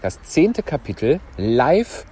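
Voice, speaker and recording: A man reading a book aloud live and chatting casually on an outdoor park bench, narrating in a lively, playful way. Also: mid-range voice, slow pace, breathy edge. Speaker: reader of a book.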